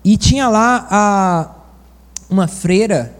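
A man from Bahia, preaching a sermon in a folksy, animated storytelling manner with asides to the congregation. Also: sits high, slow pace, long reverb tail. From Bahia, Brazil.

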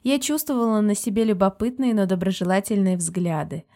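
Woman with a mellow audiobook narration. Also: mid-range voice, fairly quick. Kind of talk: first-person audiobook narration.

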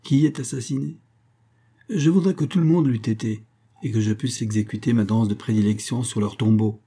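A man's voice: mid-range voice, moderate pace, dark tone, husky. A man reading an audiobook, voicing a grumpy male domino player who mutters curses at the whole world. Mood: grumbling.

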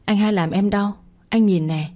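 A woman's voice: medium pitch, normal speed, warm tone, close to an everyday voice. A woman reading the part of a tearful, spoiled young woman in an audio story, with a complaining manner. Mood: tearful complaint.

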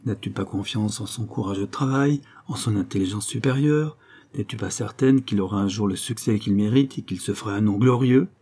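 A man's voice: fairly low pitch, a little fast, dark tone. A man reading aloud, voicing an eager, pleading fifteen-year-old girl in a storybook. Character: passionate girl of fifteen, ardent and loving.

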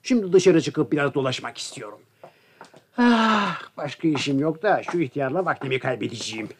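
A man's voice: fairly high pitch, lively intonation, brisk, a little hiss or hum, close to an everyday voice. An actor playing a rude, greedy male houseguest and gambler in a radio play, with a blustering manner. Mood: wheedling. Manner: blustering, shouting for service.

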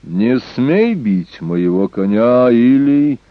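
A man voicing a proud Germanic king who speaks in a calm, dignified, measured way. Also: medium pitch, dry recording, pitched above the performer's own voice. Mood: calm, stern. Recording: dull lo-fi recording.

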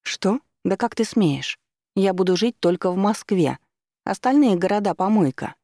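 A man voicing a spoiled, hysterical rich young woman who talks in a shrill, indignant way. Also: fairly quick, mellow, no echo, clean studio sound.

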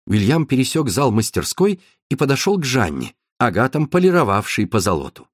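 Male reader, husky voice, very lively pitch, story narration. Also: a little fast, no room sound, studio quality. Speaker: audiobook reader. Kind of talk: scripted narration.

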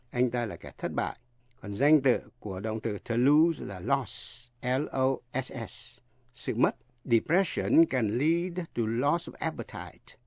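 Slow careful male radio teacher. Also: mid-range voice, creaky, no room sound, highs cut off. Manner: slow, careful spelling out of letters. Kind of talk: radio English pronunciation lesson.

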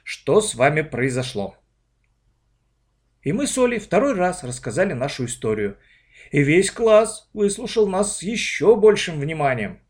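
A man narrating a children's story aloud with an expressive reading. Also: sits high, moderate pace.

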